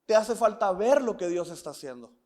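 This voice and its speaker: A man's voice: sits high, lively intonation, brisk, mellow. A male pastor giving a sermon in an earnest style, repeating phrases, asking the congregation direct questions, and weaving in stories about his family. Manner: mixes personal family stories into preaching.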